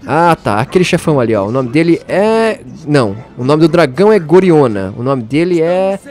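A man's voice: a little high, very animated, moderate pace, a little mellow, faint music behind. A man giving casual gameplay commentary, playfully taunting enemies and laughing often. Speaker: let's play host.

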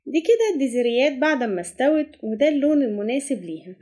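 Brisk high-voiced Egyptian woman. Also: very animated, dark tone. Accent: Egyptian Arabic. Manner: brisk step-by-step instructions. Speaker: cooking channel host. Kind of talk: recipe voice-over narration.

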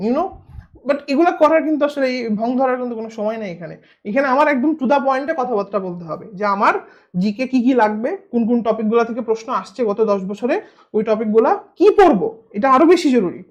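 A man's voice: very high voice, a little mellow, highs cut off. A man, giving a casual, blunt video lecture as an admission test tutor, teasing and often asking "right?".

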